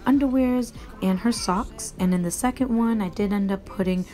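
A woman, a mother of four, narrating a home cleaning vlog in a relaxed, matter-of-fact voice-over. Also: mid-range voice, normal speed. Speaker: vlogger, mother. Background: faint music.

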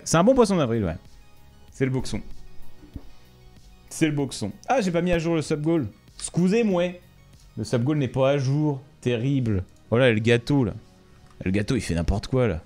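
A man streaming live, chatting casually and jokingly with his viewers. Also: medium pitch. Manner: chatty, joking, addresses viewers as ladies and gentlemen.

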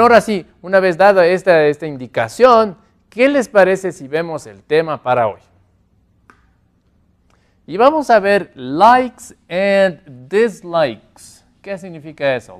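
A man who speaks Spanish natively, teaching an English lesson, modelling phrases slowly and repeating them with care. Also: on the high side. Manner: slow, careful modelling of English phrases with repetition. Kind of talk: classroom lesson. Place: classroom with a board.

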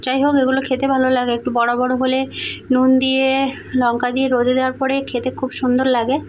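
A young woman from Medinipur chatting softly in a casual home vlog, sleepy and sweaty in the heat. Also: high voice, completely flat delivery, quick pace, slight background noise. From Medinipur, West Bengal, India. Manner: soft, hushed talk so a sleeping child stays asleep. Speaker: vlogger, housewife and mother. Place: small home indoors. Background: background music.

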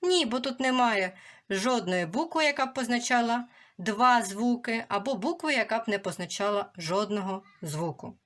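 A young woman with a fairly high voice teaching young children remotely. She speaks slowly and clearly, pausing to sound out each letter and syllable. Her tone stays patient and instructive throughout. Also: lively intonation, fairly bright tone. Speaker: primary school teacher.

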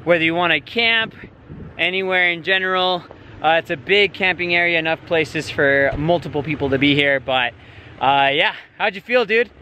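Bright-voiced laid-back off-road vlogger guy. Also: a little high, moderate pace, a little hiss or hum. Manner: laid-back, rambling with fillers. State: a little out of breath. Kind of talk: casual outdoor vlog talk. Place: outdoors on a mountain trail.

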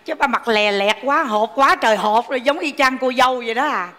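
A woman's voice: fairly high pitch, fairly quick, fairly bright tone, natural voice. Woman playing cheeky pleading daughter, Southern Vietnamese accent, teasing, stage comedy sketch, reverberant hall. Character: grown daughter pleading to be allowed to marry.

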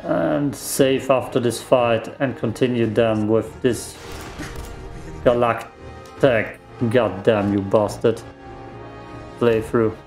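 A German-speaking let's play gamer rambles casually through his game on a desk mic at his home setup, reacting aloud and poking fun at himself. His voice is medium-pitched, gravelly and a little mellow, with fairly even intonation, a slow pace and frequent pauses, over soft background music.

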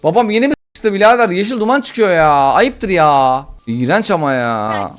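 A man giving excitable, slangy let's-play commentary while playing a game, often frustrated. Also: high voice, normal speed. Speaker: gaming YouTuber.

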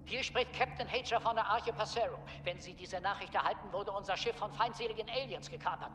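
A man's voice: sits high, fairly quick, fairly bright tone. An actor playing a male ship captain whose recorded distress message plays over a comm, urgent and formal. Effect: recorded distress message over a ship's comm. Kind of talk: video game voice acting. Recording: distant, echoey comm playback with noise.

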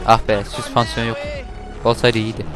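Loud, swearing man narrating gameplay. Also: on the low side, little pitch movement, moderate pace. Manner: loud, swearing, shouts at the game. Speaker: gameplay commentator. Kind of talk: casual gameplay commentary. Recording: game music playing behind.

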